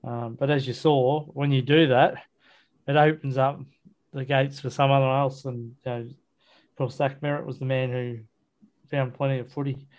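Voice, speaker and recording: A man with an Australian accent and an average-pitched voice chats casually about sport as a podcast host. His delivery is blokey and colloquial, like talk between mates. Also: flat delivery, normal speed, darkish tone, low-quality recording. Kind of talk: casual football chat, match review.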